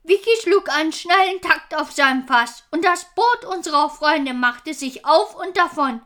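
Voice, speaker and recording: Female storybook narrator, lively and expressive, high voice. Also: unhurried.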